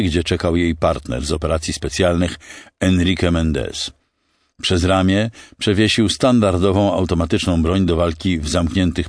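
A male narrator reading a science fiction audiobook with expressive storytelling. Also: deep voice, no echo, clean studio sound.

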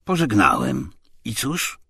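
An idle gentleman snaps back in clipped, indignant lines, as a male narrator voices him. The voice is slightly husky, lively in pitch and recorded close and dry. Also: takes it slowly, no room sound, heavily acted. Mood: cool. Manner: curt and indignant, raised voice. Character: idle gentleman, cool at first, then trembling with rage.

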